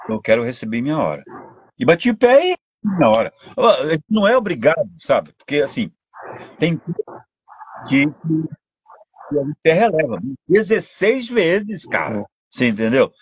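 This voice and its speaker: An older man with a Brazilian Portuguese accent, a voice actor and dubbing director telling stories in a casual interview, animated and full of restarts. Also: fairly high pitch, moderate pace, slightly rough, no echo, highs cut off. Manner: animated storytelling, many restarts.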